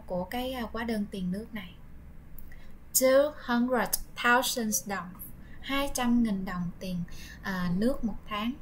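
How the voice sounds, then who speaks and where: A woman with a Vietnamese accent teaching English vocabulary, drilling each word slowly and explaining in Vietnamese. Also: a little high, fairly bright tone, low-quality recording. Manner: slow, drilled pronunciation with repeated words.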